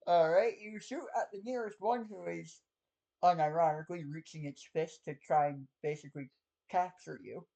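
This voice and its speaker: A man's voice: a little high, moderate pace, gravelly, mellow, low-quality recording. A man narrating a tabletop game as game master in a loose, conversational way with frequent fillers.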